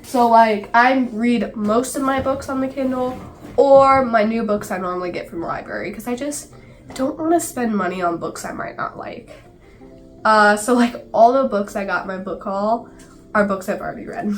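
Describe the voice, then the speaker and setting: A woman's voice: on the high side, moderate pace, soft background music. A woman with a cold and a stuffed-up nose, chatting casually about books on her vlog in her small home library, filling her talk with "like". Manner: chatty, lots of "like" fillers. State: sick and stuffed up. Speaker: book vlogger.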